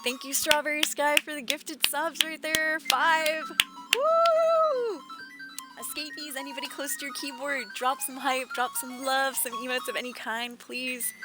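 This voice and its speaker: A woman's voice: sits high, flat delivery, moderate pace, hardly any pauses. A woman doing casual, playful live commentary as a game streamer, with music in the background.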